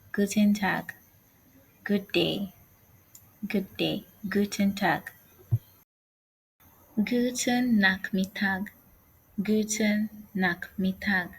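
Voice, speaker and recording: Slow, breathy woman teaching a lesson. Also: mid-range voice, low-quality recording. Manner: slow and careful, repeating each phrase twice. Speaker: language teacher. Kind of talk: online language lesson.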